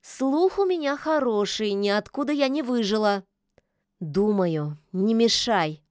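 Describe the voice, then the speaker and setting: A woman voicing a stubborn, sharp-tongued fairy-tale witch who snaps back defiantly. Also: mid-range voice, animated, slow pace, no echo, studio quality, pitched above the performer's own voice. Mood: scolding. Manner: snappy, defiant. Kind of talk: audiobook character voice.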